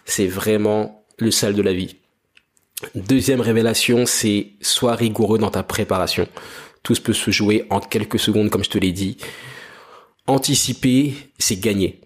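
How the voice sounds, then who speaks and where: Earnest low-voiced French man, husky. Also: a little slow. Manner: earnest, motivational, addresses listener directly. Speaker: podcast host. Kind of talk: reflective monthly podcast monologue.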